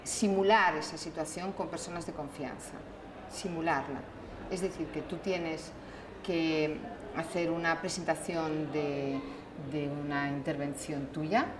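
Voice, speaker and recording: Low-pitched woman coach, roomy sound. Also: a little hiss or hum. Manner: calm, instructive, gives step-by-step exercises. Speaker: communication coach. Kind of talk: documentary interview explanation. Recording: roomy interview with faint ambience.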